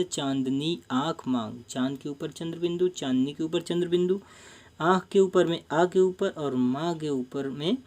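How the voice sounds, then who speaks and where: In a Hindi grammar lesson for exam preparation, a man explains each term slowly and repeats himself, often calling the viewers his friends. His voice sits on the high side and sounds a little mellow.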